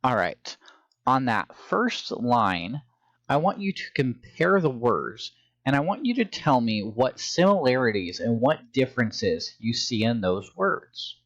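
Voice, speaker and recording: A man's voice: medium pitch, sing-song, a little slow, a bit bright, no room sound. A man teaching a phonics and reading lesson to young children, with patient, encouraging instructions.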